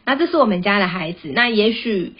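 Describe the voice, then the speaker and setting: Mom podcaster, breathy voice, gentle and chatty, kinda dull recording. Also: female voice, mid-range voice, animated, brisk. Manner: gentle, chatty, tells personal anecdotes. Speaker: parenting podcast host and mother. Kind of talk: casual podcast monologue. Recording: dull, slightly lo-fi sound.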